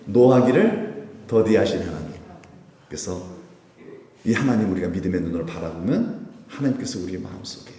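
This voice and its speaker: A man's voice: medium pitch, dark tone. A man preaching a conversational sermon as pastor, asking the congregation questions and answering them himself. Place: church sanctuary. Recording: echoey church hall, mic at a distance.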